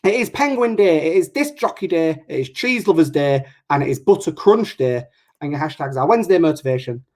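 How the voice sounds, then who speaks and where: A man's voice: on the high side, a little mellow. Chatty, rambling northern English man. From Hull, England. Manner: chatty, rambling, self-interrupting. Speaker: host of an online interview show. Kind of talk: casual chat.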